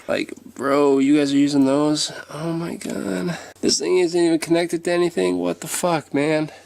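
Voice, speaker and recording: A man's voice: fairly high pitch, little pitch movement, normal speed, gravelly, darkish tone. A man hosting a casual car vlog, talking like a frat bro with dude slang and swearing. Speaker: host of a car project vlog.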